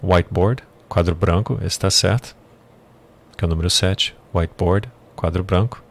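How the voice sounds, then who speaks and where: A man's voice: low-pitched, fairly even intonation, normal speed. A man teaching English vocabulary in a casual lesson, thinking aloud and correcting himself as he goes. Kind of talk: casual screen-share lesson.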